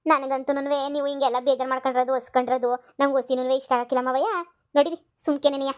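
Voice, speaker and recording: A sly young village maid sweet-talks and coaxes in a cartoon comedy, as a woman voices her. The voice sits high and the talk runs quick. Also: level tone, smooth, lightly acted. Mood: coaxing. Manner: high-pitched, coaxing and wheedling.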